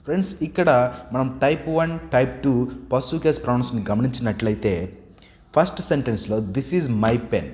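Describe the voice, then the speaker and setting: Slow-paced man reading grammar lists. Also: medium pitch, a little mellow. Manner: reads lists slowly, gives each word with its translation. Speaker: English teacher. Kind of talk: explanatory video lesson.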